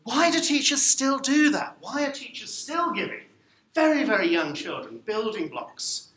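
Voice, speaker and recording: A man giving a live lecture to a room of teachers, lively and wry, putting questions to the audience. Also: extremely high pitch, moderate pace. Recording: echoey room, faint background noise.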